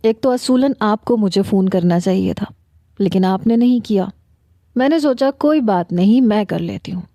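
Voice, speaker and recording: A woman voicing a giggly, teasing young bride-to-be in a storybook novel, lifting her voice higher than her narration. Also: expressive, warm tone, no echo, close to an everyday voice. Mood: indignant.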